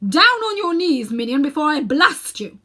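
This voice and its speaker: A woman's voice: high voice, sing-song, normal speed, bright, forceful tone, voice pushed up, exaggerated voice. Woman acting an imperious, thundering witch queen. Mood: haughty fury. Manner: commanding, haughty, contemptuous.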